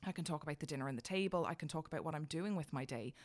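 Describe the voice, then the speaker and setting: Female podcast guest, Irish accent, low voice, conversational and emphatic. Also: racing. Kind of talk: casual conversation, telling personal anecdotes.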